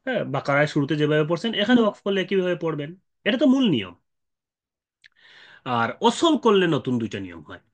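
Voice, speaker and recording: A man teaching Quran recitation rules, explaining step by step with many fillers and repeated points. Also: a little high.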